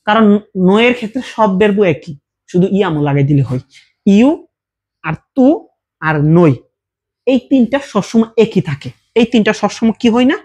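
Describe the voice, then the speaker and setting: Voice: mid-range voice, a little mellow, husky. A teacher giving a casual language lesson, explaining verb forms patiently with repeated examples and check questions.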